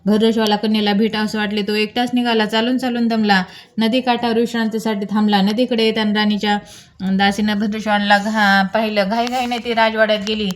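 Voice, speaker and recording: A woman storyteller reading a devotional story in a steady, recited cadence. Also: medium pitch, fairly quick.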